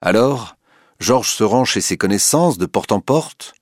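Deep, lively storybook narrator man. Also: unhurried, no echo, studio quality. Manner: expressive, dramatic. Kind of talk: storybook reading.

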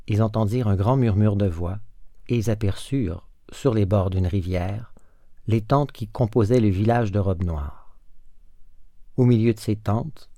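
Low, mellow male storyteller. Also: no room sound, studio quality. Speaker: narrator. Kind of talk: storybook narration.

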